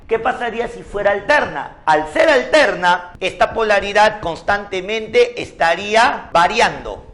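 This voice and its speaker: A man's voice: sits high, fairly bright tone. A man, teaching an exam-prep chemistry lesson, who asks and answers his own questions and drills memory tricks by repetition.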